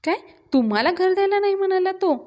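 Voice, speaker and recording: Woman voicing a showy young man, theatrical, high excited pitch. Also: normal speed, highs cut off, lightly acted. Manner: theatrical, fussing.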